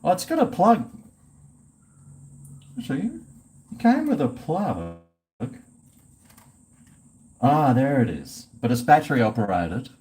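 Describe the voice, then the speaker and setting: A man's voice: mid-range voice, huge pitch swings, slow pace, long pauses, a little mellow. A man with an Australian accent chatting casually on a livestream, rambling and swearing in a blokey way. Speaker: live streamer chatting with viewers.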